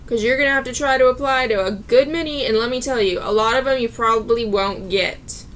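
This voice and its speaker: Young woman, casual vlog rant, reassuring, fairly high voice. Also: a little hiss or hum. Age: young adult. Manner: chatty and reassuring, with sudden outbursts. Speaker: vlogger. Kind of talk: casual advice rant to camera.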